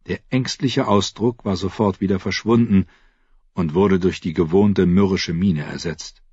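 Husky male audiobook narrator. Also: sits low, a little slow, darkish tone, dry recording, dull audio. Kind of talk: scripted fantasy narration.

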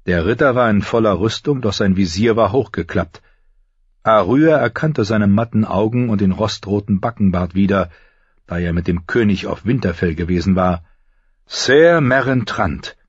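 A man narrating an audiobook in an expressive reading style. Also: lowish voice, normal speed, breathy edge, no room sound. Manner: expressive reading, shifting into voices. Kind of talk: scripted narration. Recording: dull lo-fi recording.

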